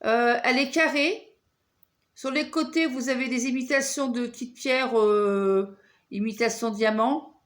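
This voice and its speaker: Slow-talking high-voiced French woman. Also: fairly even intonation. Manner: hesitant, many fillers and restarts, chatty. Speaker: vlogger showing a shopping haul. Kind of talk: casual haul video.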